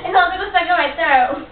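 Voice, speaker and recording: A high-pitched female voice chats casually from some way off the microphone. The room echoes, and the sound is tinny and noisy. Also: recorded from a distance. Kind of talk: casual chat.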